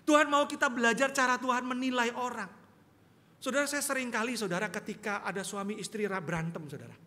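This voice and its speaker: A man's voice: extremely high pitch, fast, bright, forceful tone. A male pastor preaching a sermon in a conversational style, firing rhetorical questions at the congregation. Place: church sanctuary. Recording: reverberant church hall, faint ambience.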